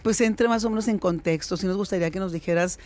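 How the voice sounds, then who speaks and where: A woman hosts a casual interview. She talks in a chatty, conversational way, pausing on fillers and restarting her sentences as she goes. Her pitch sits in the middle of the usual range for a woman. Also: a little mellow. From Mexico. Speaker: host.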